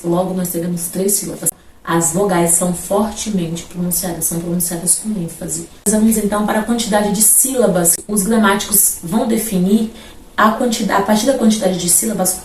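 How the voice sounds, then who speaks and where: A woman teacher, explaining a grammar lesson and repeating example words slowly. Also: mid-range voice, darkish tone. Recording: roomy, from a distance, faint background noise.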